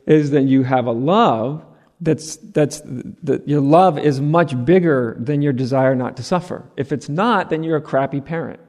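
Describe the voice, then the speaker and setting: A man's voice: on the high side, unhurried, darkish tone. A man giving a spiritual talk. He is conversational, with frequent "right?" asides and light laughter. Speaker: spiritual teacher. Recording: long hall reverb.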